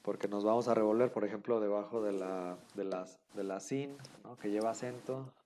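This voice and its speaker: A man teaching Hebrew online explains a rule to his students repeatedly, patient and full of fillers and minor restarts. His mellow voice is fairly low, with fairly even intonation, at a normal speed.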